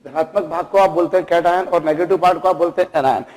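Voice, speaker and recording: A man teaches chemistry, pausing to ask his students rhetorical questions and calling them kids. His voice sits high for a man. The sound carries a long reverb, as if recorded in a hard classroom. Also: fairly even intonation, a little mellow. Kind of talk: classroom lecture.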